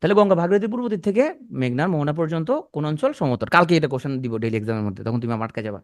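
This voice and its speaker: A man teaching an exam prep class, talking quickly and repeating key points for his students. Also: on the high side, lively intonation. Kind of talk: classroom lecture.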